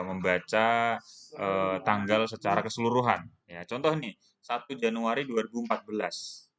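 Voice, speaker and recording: Male teacher with Indonesian accent, lowish voice, patient self-answering explainer for a recorded class. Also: fairly bright tone. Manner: explains patiently, asks and answers his own questions. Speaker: English teacher. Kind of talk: recorded online class lesson.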